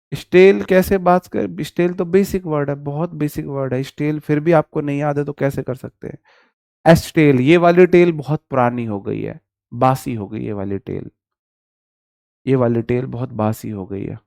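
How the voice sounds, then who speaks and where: A middle-aged male teacher runs a live vocabulary lesson, joking with his viewers and calling them brother. His voice sits a little high. The sound is dry and close, with no room around it. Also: gravelly, darkish tone, dry recording.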